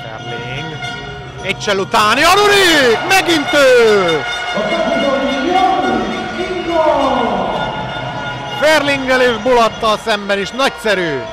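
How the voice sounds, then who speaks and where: A man giving excited live handball commentary, bursting into shouts at key moments. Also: extremely high pitch, loud music behind the voice, low-quality recording.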